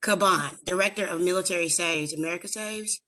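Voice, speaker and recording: A woman hosting a virtual veterans roundtable, conversational and a little halting, often stumbling over names and titles. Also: low-pitched, a bit bright, slight background noise. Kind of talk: virtual meeting moderation.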